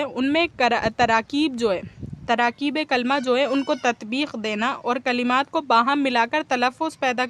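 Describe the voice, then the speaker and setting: A woman giving a patient grammar lesson, often pausing to check that students follow. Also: high voice, a bit bright. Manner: patient, keeps checking understanding with "okay?". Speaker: teacher of Arabic grammar. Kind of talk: explanatory classroom lecture.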